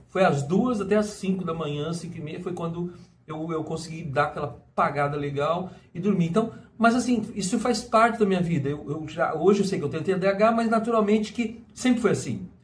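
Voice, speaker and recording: A middle-aged Brazilian man talking casually to camera, rambling with many restarts and tag questions. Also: high voice. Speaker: vlogger. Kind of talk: casual personal monologue.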